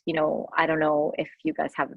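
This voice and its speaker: A woman's voice: deep voice, monotone, brisk, creaky, no echo, lo-fi sound. A woman guest on a podcast call, talking casually, laughing often and saying "like" a lot. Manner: warm, laughing, uses "like" a lot. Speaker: guest author and coach. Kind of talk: casual interview chat. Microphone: video call.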